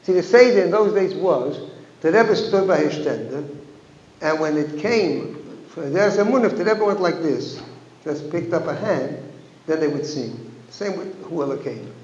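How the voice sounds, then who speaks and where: A man's voice: fairly high pitch, animated, moderate pace, a little mellow. A male rabbi, a guest speaker, telling an anecdote at a community gathering, with frequent restarts and Yiddish phrases. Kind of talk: storytelling talk at a community gathering. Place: synagogue hall. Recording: echoey hall, dull lo-fi sound.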